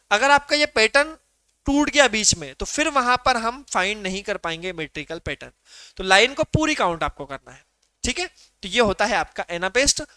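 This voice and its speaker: Bright, crisp male Hindi-teacher. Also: high voice, dry recording. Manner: repeats and quizzes himself, drawn-out spelled syllables. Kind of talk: classroom lecture.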